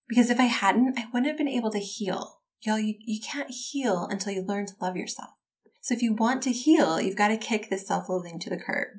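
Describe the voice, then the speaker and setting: Encouraging woman coach. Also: medium pitch. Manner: warm, encouraging, conversational, addresses listeners as y'all. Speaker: life coach. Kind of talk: self-help talk to listeners.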